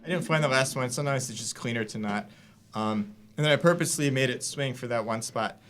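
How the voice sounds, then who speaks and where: A man's voice: mid-range voice, fairly quick, heavy background noise. A man giving a casual drum lesson, explaining loosely with fillers and restarts. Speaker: drum teacher. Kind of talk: casual instructional talk. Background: drum hits between lines.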